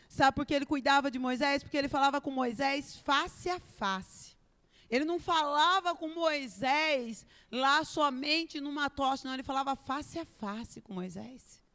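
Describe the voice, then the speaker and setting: A woman with a Brazilian Portuguese accent preaching a live church sermon, expressive and dramatic, swinging between soft and loud delivery. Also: fairly high pitch. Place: church sanctuary. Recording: echoey church hall with long reverb.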